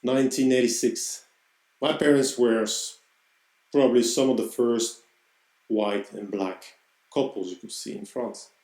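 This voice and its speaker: A man's voice: mid-range voice, steady tone, unhurried, pauses often, darkish tone. A man in his thirties from Cameroon hosting a podcast, talking earnestly and reflectively in a personal monologue and searching for his words. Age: 30s. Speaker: podcast host. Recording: roomy, echoey room.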